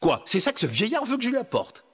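A man putting on a poor young street hero, eager and exclamatory, pitched up above the narrating voice. The voice is lively and expressive, a storybook lead. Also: fairly quick, husky, big-room sound, full character voice. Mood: excited. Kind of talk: storybook reading.

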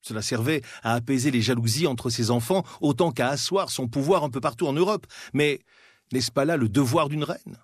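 A man giving scripted documentary narration in a measured, dramatic storytelling manner with pauses. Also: medium pitch, slightly rough, no echo, clean studio sound. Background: faint background music.

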